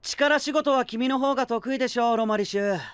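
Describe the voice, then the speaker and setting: In an anime-style voice drama, an actor plays a young male knight who is calm and clever, sounding cool, confident and a little mocking. His voice is very high-pitched, brisk, clear and resonant with no echo, and the mood is taunting.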